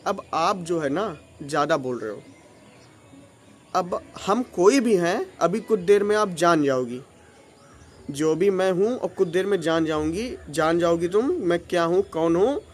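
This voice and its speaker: A man voicing his own cool, menacing young male alter ego, talking slow, low and threateningly. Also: animated. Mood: taunting.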